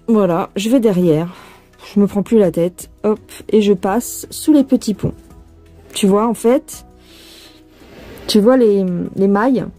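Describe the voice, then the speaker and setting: A woman's voice: mid-range voice, unhurried, pauses often, mellow, soft background music. Chatty French woman teaching cross-stitch. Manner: chatty, thinking aloud, addressing viewer as tu. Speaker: cross-stitch tutorial host. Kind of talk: casual hands-on embroidery tutorial. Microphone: phone filming her hands.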